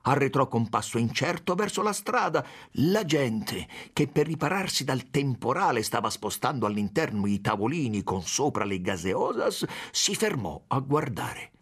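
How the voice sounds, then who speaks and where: A man narrates an audiobook with a dramatic, expressive delivery. His voice has a husky grain and moves through a wide, animated range of pitch. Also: moderate pace, few pauses.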